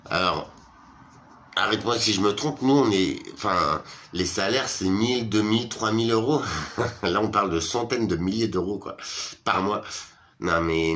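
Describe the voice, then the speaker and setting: A man with a very low voice talks casually to his followers, sounding tired. He hesitates a lot and fills his pauses, dropping into slangy, familiar talk as he goes. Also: sharp tone. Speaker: vlogger.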